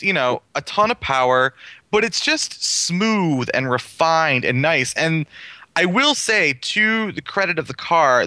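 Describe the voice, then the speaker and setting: A man's voice: fairly high pitch, bright, forceful tone, dry recording. A man reviewing a car in casual podcast chat, enthusiastic and rambling with fillers.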